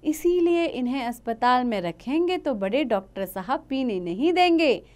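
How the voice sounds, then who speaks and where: A woman reading the part of a calm, reassuring male village doctor. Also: sits high, normal speed, pitched above the performer's own voice. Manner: gentle, reassuring.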